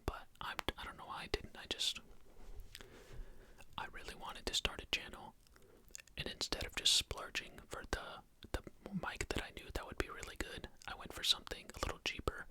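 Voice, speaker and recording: Young adult in a soft ASMR whisper. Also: moderate pace. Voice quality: unvoiced whisper. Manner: soft, unscripted, rambling. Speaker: ASMR video creator. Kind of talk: ASMR whisper ramble, casual chat. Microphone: close Blue Yeti USB microphone.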